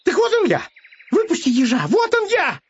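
A shrill, yelping young hare. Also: male voice, huge pitch swings, moderate pace, heavily acted. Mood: excited. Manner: yelping, breathless exclamations. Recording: dull lo-fi audiobook with music.

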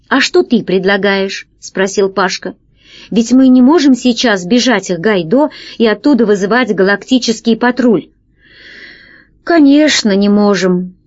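A woman's voice: on the high side, a little mellow, lo-fi sound. A woman narrating a children's science fiction story aloud, reading expressively and shifting her voice for the dialogue. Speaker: audiobook narrator. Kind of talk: scripted narration of a children's sci-fi tale.

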